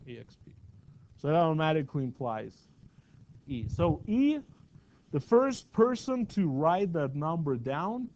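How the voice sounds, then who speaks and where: A man's voice: a little high, gravelly, dark tone. Chatty male math teacher, lo-fi classroom. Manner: chatty, asks the class questions. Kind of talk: classroom lecture.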